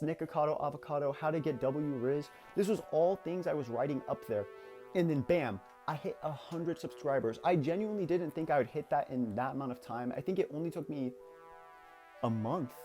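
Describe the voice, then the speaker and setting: With a fairly high-pitched but dark-toned voice, this late-teen YouTuber reflects openly in his personal vlog, wandering a bit and restarting his sentences.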